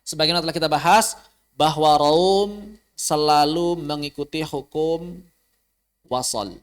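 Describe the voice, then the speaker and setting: A man teaching Quran recitation rules in an online class, explaining plainly and chanting example words slowly. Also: on the high side. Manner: addresses students directly, invites questions. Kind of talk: online tajwid lesson. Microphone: online class recording.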